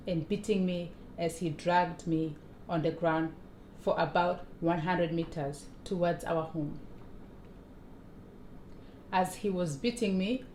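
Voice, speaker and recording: A Ugandan woman in her forties reading her own memoir aloud, measured and deliberate, with small pauses and restarts. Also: lowish voice, a little mellow. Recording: echoey room with faint ambient noise.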